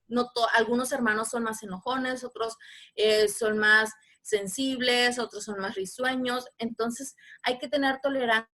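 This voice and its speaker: Woman, Mexican Spanish accent, fairly high voice, patient facilitator, video call sound. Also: fairly bright tone. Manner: patient, asks the audience questions. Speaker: workshop facilitator. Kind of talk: live online workshop talk.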